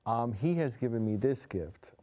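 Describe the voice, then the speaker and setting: Warm in tone, with medium pitch, lively intonation, and moderate pace, this hypnotherapist from New York City, a native Spanish speaker, talks openly in a TV studio interview. He comes across as heartfelt and earnest, speaking with conviction, recorded on the studio TV set.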